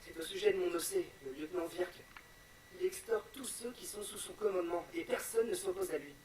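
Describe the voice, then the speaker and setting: A man's voice: high-pitched, fairly quick, darkish tone, a little hiss or hum, lightly acted. An actor playing an anxious, deferential male soldier who pleads earnestly in a video game. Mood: aggrieved, anxious. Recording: slightly distant, crowd chatter behind.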